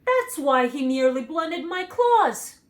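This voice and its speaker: A great cowardly lion, timid and sheepish, sounding surprised by everything, with a high and very lively voice. A woman reads him in a children's storybook. He comes across as meek, not fierce. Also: takes it slowly, exaggerated voice. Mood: curious. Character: big cowardly male lion, timid and ashamed.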